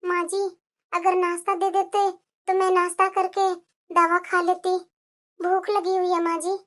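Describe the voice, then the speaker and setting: A woman's voice: normal speed, a bit bright. A woman voicing a young daughter-in-law and new mother in a cartoon, hurt and pleading. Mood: pleading, distraught. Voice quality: very high cartoonish voice. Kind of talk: Hindi cartoon voice acting. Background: background music.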